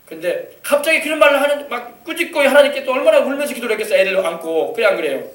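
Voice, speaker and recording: A male pastor preaching a sermon as a story, acting out the people in it and breaking into loud hallelujahs. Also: very high-pitched, very animated, rapid-fire. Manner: storytelling, acting out quoted voices, rising to shouts of hallelujah. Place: church sanctuary. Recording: echoey church hall, mic at a distance.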